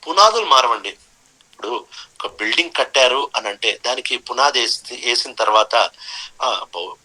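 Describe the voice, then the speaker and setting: A man's voice: mid-range voice, bright, forceful tone, rough recording. A man preaching a sermon, emphatic, repeating key phrases and dropping in English phrases.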